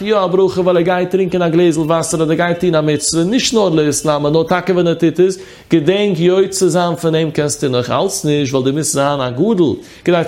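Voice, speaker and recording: A man's voice: fairly high pitch, a little mellow. A man giving a lesson on religious law, explaining steadily and mixing study terms into his speech. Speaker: religious teacher.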